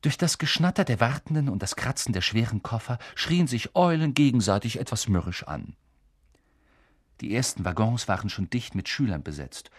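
A man's voice: medium pitch, animated, moderate pace, slightly rough, no echo, studio quality. A man reading a novel aloud in scripted narration, storytelling expressively. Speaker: audiobook reader.

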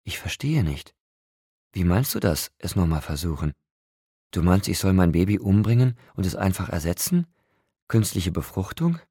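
A man reading an audiobook, voicing a frail, stubborn young woman who speaks softly and pleads. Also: sits low, normal speed, gravelly, no room sound, clean studio sound, voice pushed up. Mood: bewildered. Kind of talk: audiobook character voice.

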